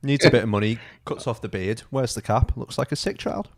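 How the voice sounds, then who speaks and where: A man in his early thirties, co-hosting a live gaming podcast, talking quietly and offhandedly while eating. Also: mid-range voice, brisk. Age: early 30s. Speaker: podcast co-host. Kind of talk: casual chat.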